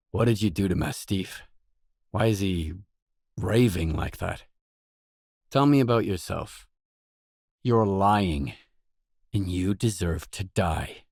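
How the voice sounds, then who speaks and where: In a dry, studio-quality recording, a male actor voices a terse, guarded mercenary in a video game. His fairly low, darkish voice delivers the scripted lines matter-of-factly, with a stern, accusing mood.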